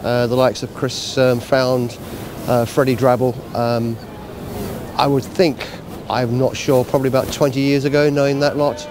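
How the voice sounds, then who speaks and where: Man explaining over clear outdoor noise. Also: mid-range voice, level tone, moderate pace. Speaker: Lions club event organiser. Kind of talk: informal interview. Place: outdoors at a seafront. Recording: outdoor street and traffic noise.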